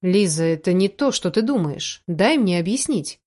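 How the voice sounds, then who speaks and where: A woman's voice: lowish voice, animated, moderate pace, darkish tone. A woman voicing a young man who pleads and defends himself earnestly in a spoken story. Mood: pleading.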